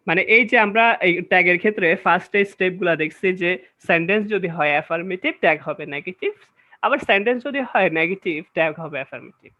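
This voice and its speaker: A man's voice: sits high, animated, fast. A man teaching English grammar in a classroom-style lecture, explaining step by step and checking that listeners follow. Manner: explains step by step, often checks understanding with questions. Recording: dull lo-fi recording.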